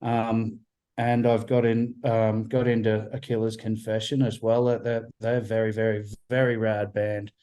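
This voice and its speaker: Mellow-voiced man, excited and rambling. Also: on the low side, measured pace, clean tone, low-quality recording. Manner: enthusiastic, repeats words, many fillers. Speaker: band member guest. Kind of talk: casual interview chat over video call. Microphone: video call.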